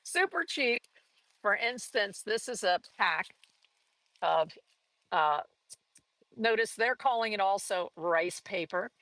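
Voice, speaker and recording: Chatty lady art teacher, folksy, mid pitch, dry close sound. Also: lively intonation, takes it slowly, long pauses, fairly bright tone, no room sound, rough recording. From grew up in Taiwan and Korea. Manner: chatty, folksy, laughs often, says y'all. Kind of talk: live painting lesson.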